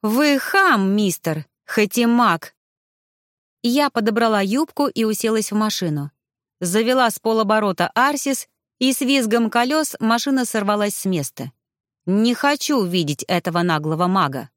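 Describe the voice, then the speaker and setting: A woman reading a first-person audiobook in an expressive storytelling manner. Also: medium pitch, moderate pace, no echo, clean studio sound. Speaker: audiobook narrator.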